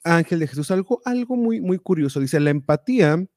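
A man hosting a live talk show, reading out viewer comments with animated, exclamatory reactions. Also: fairly high pitch, a little fast, no room sound, studio quality. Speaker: show host.

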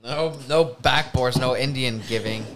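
A man who is a podcast guest, joking loudly and swearing during a hot sauce trivia game. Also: mid-range voice, unhurried, background noise. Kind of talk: casual chat with drinking game.

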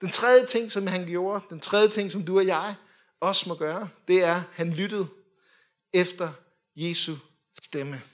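A young man preaching a sermon in a lively way, swinging from loud calls to quiet drops. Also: high voice.

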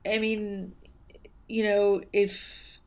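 In a relaxed podcast conversation about a book, this co-host hedges thoughtfully and fills her speech with ums and you knows. She speaks in a mid-range, darkish voice with little pitch movement, drawing her words out.

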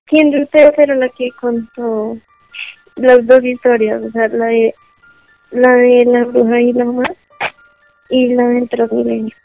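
High woman on a thin call line. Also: level tone, a little slow, creaky, pauses often, no echo, faint music behind. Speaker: podcast co-host. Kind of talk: casual chat. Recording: phone-like dry call audio.

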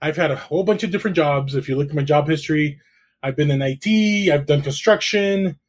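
A middle-aged man from El Salvador, a realtor who is a guest on an interview, telling his story in a relaxed way with dry, self-deprecating humor. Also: on the high side, fairly quick.

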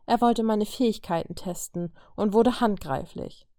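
A woman voicing a troubled, gentle young mutant woman in an audiobook reading, speaking softly and hesitantly. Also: medium pitch, measured pace, dry recording, studio quality, close to an everyday voice. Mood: subdued.

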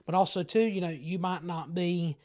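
A man's voice: high-pitched, steady tone, moderate pace, darkish tone. A man hosting a casual church talk show, asking rambling questions and affirming with amens. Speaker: host. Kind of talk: casual interview.

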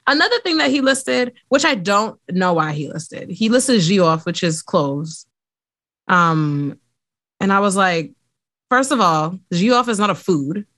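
A woman's voice: medium pitch, lively intonation, unhurried, fairly bright tone, no room sound. A young woman with a mid-range voice co-hosts a podcast, recorded close and dry. She chats casually and reacts with disbelief. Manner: chatty, incredulous storytelling. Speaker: podcast co-host. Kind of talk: casual chat.

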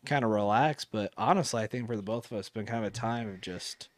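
A podcast co-host with a fairly low voice talks quickly in a casual, rambling chat, full of fillers and restarts.

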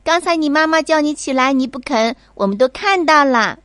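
A woman's voice: sits high, lively intonation, moderate pace, fairly bright tone, no room sound, studio quality, voice pushed up. A woman playing little storybook ants. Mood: teasing. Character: chorus of little ants, matter-of-fact.

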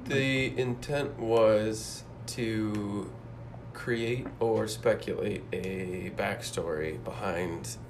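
A man's voice: lowish voice, fairly even intonation, extremely slow, a little hiss or hum. A man co-hosting a podcast, riffing on absurd jokes in casual banter. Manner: joking, riffing on absurd scenarios. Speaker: podcast co-host.

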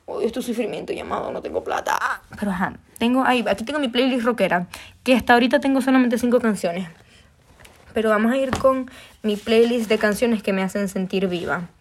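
A woman's voice: a little high, fairly quick. A young woman from Venezuela with a Venezuelan Spanish accent, chatting casually on her own show, rambling with frequent restarts and casual swearing. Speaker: podcast host. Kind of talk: casual solo chat.

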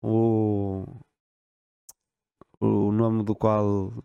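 A man's voice: on the low side, little pitch movement, extremely slow, creaky, mellow, clear, resonant tone, lo-fi sound. A man with a European Portuguese accent chatting casually in a blunt, offhand way, with some swearing. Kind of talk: casual chat.

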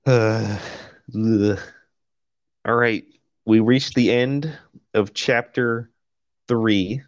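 Slow, low-voiced man reading aloud. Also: no room sound, muffled recording. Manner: reads prose flatly, breaks off for profane jokes and laughter. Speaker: podcast co-host reading a novel aloud. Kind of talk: casual chat and reading aloud.

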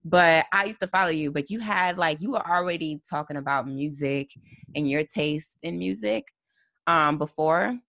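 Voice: medium pitch, moderate pace, creaky, sharp tone, no room sound. A young adult podcast host who talks in an upbeat, giggly, conversational way while running the interview. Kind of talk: casual interview chat.

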